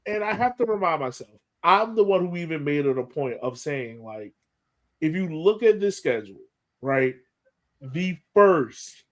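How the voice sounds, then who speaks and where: An American man co-hosts a sports podcast, chatting casually in a voice on the high side. He's animated and self-deprecating, often thinking out loud.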